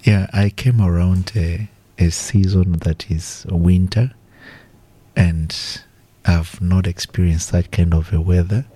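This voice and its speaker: Deep, dark-voiced man from Kenya. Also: fairly even intonation, breathy edge, dry recording. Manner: hesitant, with fillers and restarts, slow and deliberate. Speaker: interview guest. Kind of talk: radio interview answers.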